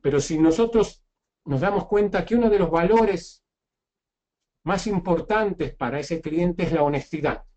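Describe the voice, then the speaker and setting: A man's voice: on the high side, a little slow, darkish tone, highs cut off. A man giving a spoken lesson on sales technique. He explains step by step, restarts his phrases often and keeps checking in with the listener. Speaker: sales trainer.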